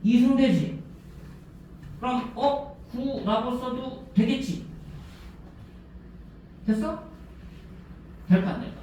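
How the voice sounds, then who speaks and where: A male teacher lectures a class, constantly firing short check questions at his students. His voice sits high for a man. He is caught from a distance in a strongly echoing classroom. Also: slow, long pauses, warm tone, slight background noise. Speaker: math teacher.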